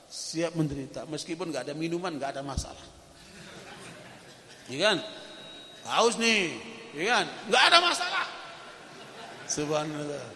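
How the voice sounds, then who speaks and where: A man's voice: fairly high pitch, pushed and bright, a little hiss or hum. A man preaching a dawn sermon in a mosque, asking the congregation questions and acting out quoted voices. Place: mosque hall. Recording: echoey mosque hall reverb.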